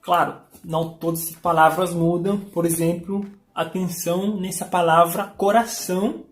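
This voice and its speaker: A woman's voice: on the low side, steady tone. A woman giving an informal language lesson, patiently explaining and reading out word lists one by one. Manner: explains patiently, reads word lists slowly, tag questions. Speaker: language teacher. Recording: echoey room with faint music.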